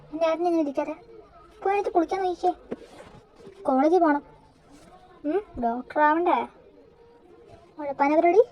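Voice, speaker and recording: Brief: a woman voicing a teasing kid sister, high bright voice, bossy and playful. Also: slight background noise. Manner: teasing, coaxing. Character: bossy, cheerful teenage younger sister. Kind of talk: amateur audio drama.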